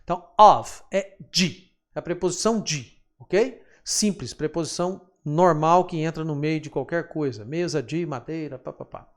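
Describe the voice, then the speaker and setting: A man's voice: a little high, moderate pace. A man teaching English grammar patiently, checking in often with his students. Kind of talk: screen-share lesson explanation.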